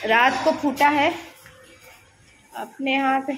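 A woman's voice: high-pitched, slow, a little hiss or hum, poor audio. A young woman vlogger chatting casually as she walks around her housing society, outdoors. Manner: chatty, narrating while walking around. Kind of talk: casual vlog chat. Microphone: wireless mic or phone.

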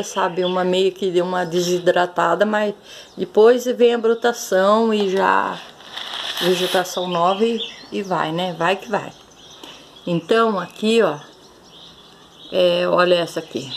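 A woman's voice: fairly low pitch, a little slow, background noise. A woman vlogging casually as she shows her plants, chatty and affectionate, often calling out to her viewers. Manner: chatty, keeps addressing viewers as "gente", fond exclamations. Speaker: orchid-growing vlogger. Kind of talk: casual show-and-tell vlog.

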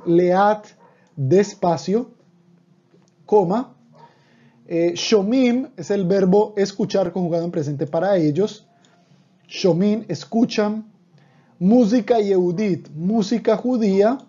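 A man teaches in a very dark, mellow voice, taking his time over every word. He repeats each term patiently before explaining it. The recording is dull and muffled. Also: high-pitched. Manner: patient, repeats words slowly then explains. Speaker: language teacher. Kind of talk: slow spoken language lesson. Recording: dull lo-fi sound.

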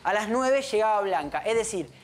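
A woman's voice: medium pitch, lively intonation, brisk, a little hiss or hum. A woman with an Argentine accent, a crime reporter on a news panel, explaining the case point by point with emphasis. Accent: Argentine Spanish. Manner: explanatory, emphatic, often says "exactamente". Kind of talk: live news panel commentary.

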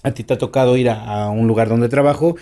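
A man's voice: mid-range voice, fast, warm tone. A man with a Mexican accent, a guest storyteller chatting on a podcast, shifting his tone and stressing words as he talks. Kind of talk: casual podcast conversation.

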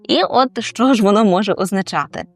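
A woman in the middle of a language lesson, pausing to say each phrase slowly before explaining it. Her voice sits at an ordinary middle pitch. The recording is dry and close, with faint music behind her. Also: expressive, no echo. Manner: slows down to repeat each phrase, then explains it. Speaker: Polish language teacher.

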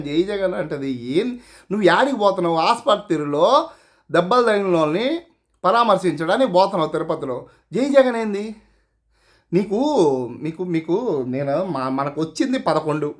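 A man giving casual, sarcastic political commentary, full of mocking rhetorical questions and repeated phrases. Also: sits high. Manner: addresses listeners directly, repeats phrases.

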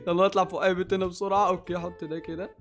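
A man with an Egyptian Arabic accent hosting excited gameplay commentary, playful and teasing, laughing often. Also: high voice, fast talker, soft background music. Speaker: gaming YouTuber host.

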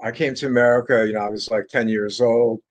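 An older French man, a guitarist appearing as a guest, tells stories casually over a video call from a room lined with bookshelves. His mid-range voice moves at a quick pace, rambling and relaxed with plenty of fillers and restarts. The sound is lo-fi, and the talk is casual interview storytelling.

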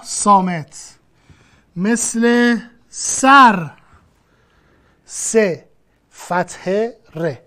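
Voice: medium pitch, a bit bright. A teacher giving a lesson, explaining patiently step by step and speaking straight to the student. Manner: explanatory, repeats and addresses the student directly. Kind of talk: classroom lesson.

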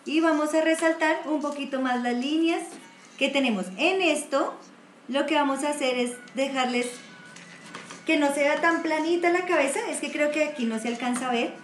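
A woman's voice: sits high, normal speed, roomy sound, soft background music. A woman with a Colombian accent teaching a live online watercolor class, chatty and encouraging, full of diminutives. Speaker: painting teacher. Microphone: computer mic on a video stream.

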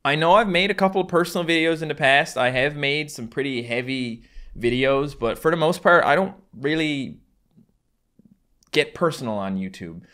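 A man's voice: fairly high pitch, moderate pace, pushed and bright. A man in his twenties from Newfoundland, speaking with a Newfoundland accent in a casual, hesitant, self-deprecating vlog style. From Newfoundland, Canada. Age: 20s. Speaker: gaming YouTuber. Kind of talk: casual vlog chat to camera. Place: small home room with acoustic foam, indoors.

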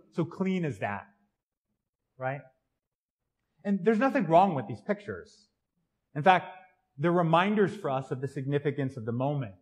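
A male priest delivers a sermon in a church. His voice sits on the higher side, and he talks in an easy, conversational way, often tagging lines with "right?". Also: low-quality recording.

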